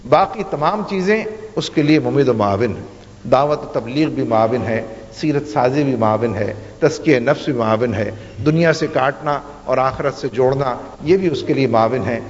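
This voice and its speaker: Preacher man in a booming hall. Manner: rhetorical, building repetitions, Arabic recitation. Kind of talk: sermon. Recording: dull sound with long hall reverb.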